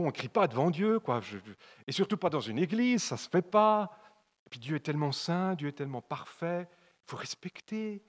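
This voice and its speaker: Man, Swiss French accent, evangelistic sermon, loud appeals then quiet asides, a bit high-pitched, reverberant church. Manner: fervent, repetitive, swinging from loud calls to soft low asides. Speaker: preacher. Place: church hall. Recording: long hall reverb.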